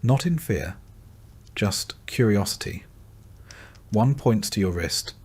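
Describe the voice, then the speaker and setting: A man narrating a scripted bedtime story in a calm, gentle second-person voice. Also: lowish voice, moderate pace, slightly rough.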